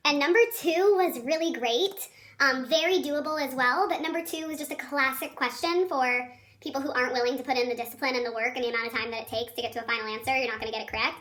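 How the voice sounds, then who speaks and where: Woman, helium chipmunk voice, high-pitched, piercingly bright, schoolteacher, informal and encouraging, chatty children's lesson. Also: fairly even intonation, rapid-fire. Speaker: elementary school teacher.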